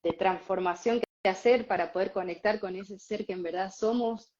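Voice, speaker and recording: Woman, chatty and lively, laughs a lot, kinda dull lo-fi sound. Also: medium pitch, normal speed. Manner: animated, laughs often, many fillers. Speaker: podcast co-host. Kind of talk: casual spiritual storytelling chat.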